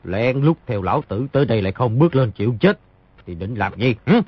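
A man voicing a gruff, boisterous wounded outlaw. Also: mid-range voice, animated, a little fast, dry recording. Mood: barking. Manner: barking, laughs often. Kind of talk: audiobook character voice. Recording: dull lo-fi dry recording.

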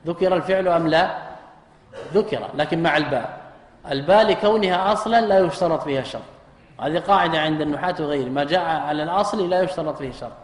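A man's voice: fairly high pitch, fast talker. A man, a sheikh, teaching Arabic grammar in a recorded lesson, asking rhetorical questions and repeating key terms. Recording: echoey hall reverb.

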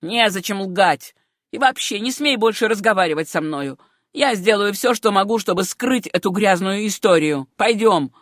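A woman's voice: medium pitch, lively intonation, moderate pace, a bit bright, no echo, clean studio sound. A woman voicing a stern, angry middle-aged uncle in an audiobook, harsh and contemptuous in tone. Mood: angry scolding. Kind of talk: audiobook character reading.

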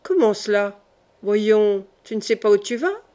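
A woman's voice: medium pitch, lively intonation, measured pace, close to an everyday voice. Woman reading as a kindly old stationmaster. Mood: questioning. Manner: gentle, reassuring. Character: kindly male stationmaster, former army captain.

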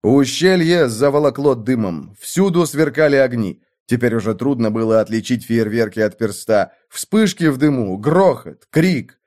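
A man's voice: mid-range voice, lively intonation, moderate pace, few pauses, darkish tone. A man reading a battle scene aloud in dramatic, rhythmic clipped phrases. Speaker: audiobook narrator. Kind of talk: scripted narration.

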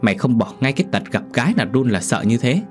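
A man's voice: mid-range voice, big pitch swings, fast talker, soft background music, pitched above the performer's own voice, natural voice. A man voicing a pushy older mother who scolds and nags her grown son, in an audio horror story. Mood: chiding. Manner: nagging, chiding.

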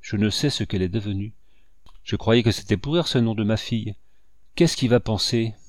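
A man's voice: on the low side, normal speed, no echo, studio quality, lightly acted. A man voicing a passionate, remorseful nine-year-old boy in a storybook reading, pleading in a breathless confession.

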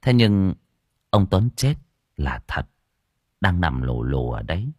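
A man narrating an audio story with expressive storytelling on a close mic. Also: deep voice, takes it slowly, no room sound.

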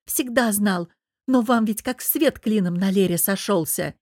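A woman's voice: mid-range voice, unhurried, darkish tone, no echo, clean studio sound, natural voice. A woman reading an audiobook who voices a jealous, scheming young woman with a sulky, purring, spiteful manner. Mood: reproachful.

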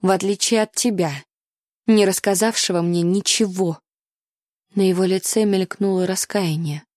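A woman narrates a first-person novel at a middle pitch, moving into pleading in the heroine's lines. The sound is dry and close, with no room echo. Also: steady tone, moderate pace, a little mellow. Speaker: audiobook narrator.

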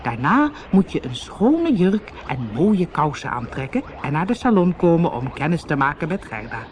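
A woman's voice: low voice, big pitch swings, a little mellow. A woman voicing a proud, fussy mother witch who speaks sternly in a storybook reading. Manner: stern, hurried.

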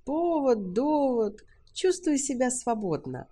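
A woman voicing a brazen, seductive woman who teases and coaxes in a breathy, mocking way, in an audiobook reading. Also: high voice, sing-song, takes it slowly, dark tone, voice pushed up, exaggerated voice.

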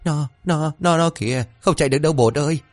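A panicky young village fool yelps in a high, jumpy voice, as a man acts him out. Faint music runs behind the storybook telling. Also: quick pace, no room sound, natural voice. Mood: terrified. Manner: frantic, yelping.

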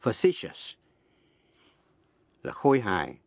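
Man, radio language lesson, slow careful delivery, spelling words aloud, muffled old broadcast, dry close sound. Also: on the low side, wildly swooping pitch, dry recording. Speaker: English teacher on radio.

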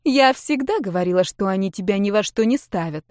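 A woman's voice: mid-range voice, lively intonation, brisk, a little mellow, no room sound, clean studio sound, natural voice. A woman voicing a jealous, protective middle-aged wife who speaks in an indignant, pointed way.

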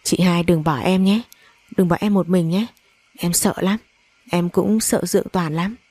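Woman reader voicing a scared tearful little girl, slow and soft. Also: lowish voice, fairly even intonation, no echo. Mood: pleading. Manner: tearful pleading. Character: frightened little girl, clingy younger sister.

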